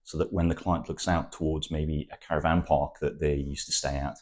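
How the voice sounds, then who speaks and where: With a very deep, level voice, the Welsh-speaking architect from Wales offers reflective, poetic responses in an interview. He keeps stopping and starting over as he goes.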